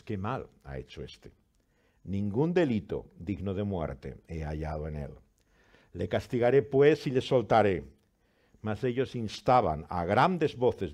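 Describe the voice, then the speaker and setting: A man's voice: fairly low pitch, darkish tone. A man who reads a scripture passage with dramatic rises and falls, then preaches earnestly as pastor. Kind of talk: scripture reading and sermon.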